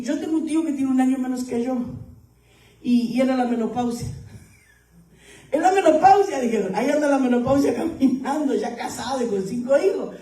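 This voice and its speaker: A woman pastor preaching a sermon to her church, rising to emphatic peaks and dropping to hushed asides. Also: high-pitched, roomy sound, recorded from a distance, poor audio.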